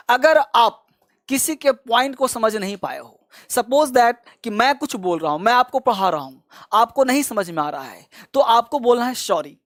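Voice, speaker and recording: Man, high-pitched voice, spoken English teacher, slow repeated phrase drills, dry close sound. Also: a bit bright, no echo. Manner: drills phrases slowly and repeats them for learners; addresses viewers as friend and child. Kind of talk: classroom-style language lesson.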